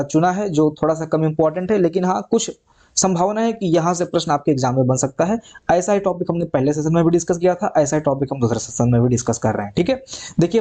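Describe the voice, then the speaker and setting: A male teacher walks students through an exam prep lesson, returning to each point and checking in with them often. His voice sits a little high but sounds mellow and soft. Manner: repeats points, checks with "ठीक है". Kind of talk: online exam lecture.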